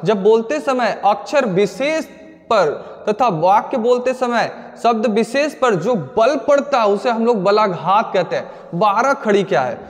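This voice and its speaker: A young man teaching an exam-prep grammar lesson, explaining step by step and answering his own questions, stretching out example words. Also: high-pitched. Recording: long hall reverb.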